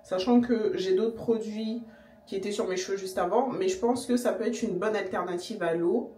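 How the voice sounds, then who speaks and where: A young woman chatting casually to camera in her vlog, slangy and relaxed, sometimes talking with her mouth full. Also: medium pitch, normal speed, slight background noise. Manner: chatty, slangy, talks while eating. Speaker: vlogger. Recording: echoey room, voice a bit distant.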